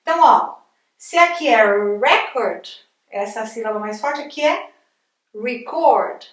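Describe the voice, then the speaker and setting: A woman's voice: high-pitched, animated, moderate pace, fairly bright tone, recorded from a distance. A Brazilian woman with a chatty, upbeat manner, giving a casual video lesson as an English teacher, checking in with her viewers again and again. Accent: Brazilian Portuguese. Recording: echoey room, voice from off the mic.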